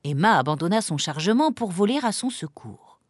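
A woman narrating a children's Christmas story aloud in an expressive, lively storybook reading. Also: medium pitch, fast talker, dry recording. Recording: dry close recording.

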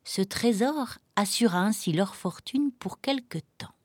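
Expressive woman reading a fairy tale. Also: medium pitch, a little slow, soft background music. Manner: expressive, lively storytelling. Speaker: storyteller.

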